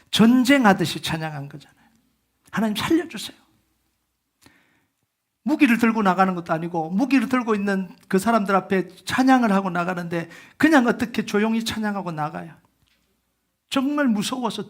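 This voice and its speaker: Male pastor, high-pitched, animated sermon storyteller. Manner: animated storytelling, swings from loud exclamations to hushed whispers.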